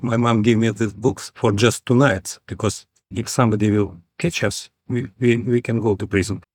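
A man with a Ukrainian accent telling about his youth in an interview, deliberate and plain. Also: fairly low pitch, steady tone, breathy edge, no room sound. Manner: deliberate, plain, occasional fillers. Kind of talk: interview storytelling.

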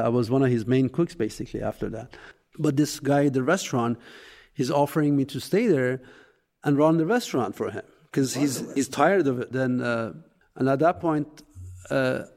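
A man's voice: medium pitch, darkish tone. Man telling his story. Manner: rambling, with restarts and self-corrections. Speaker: interviewee. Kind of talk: personal storytelling.

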